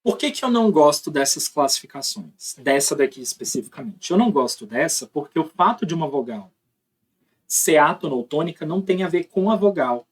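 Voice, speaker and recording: A man's voice: a little high, lively intonation, a little fast, slightly rough. A young man teaching a recorded class. He explains step by step and keeps checking that students follow him.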